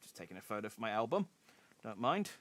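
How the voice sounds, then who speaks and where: A man's voice: lowish voice, sing-song, fast talker, a bit bright. A man casually commenting as he plays a game and reads its dialogue aloud. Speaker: streamer.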